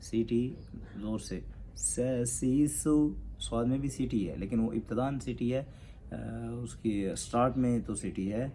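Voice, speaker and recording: A man teaching Quran pronunciation, explaining letter sounds and drawing out the model syllables slowly. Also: mid-range voice, mellow, slight background noise. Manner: slow, drawn-out model pronunciations; explains with pointing gestures. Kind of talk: tajweed lesson.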